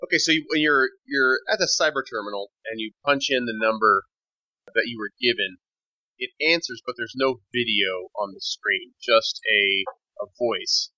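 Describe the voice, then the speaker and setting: A game master narrating a tabletop game in a relaxed, easygoing way. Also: mid-range voice, normal speed, dry recording, highs cut off.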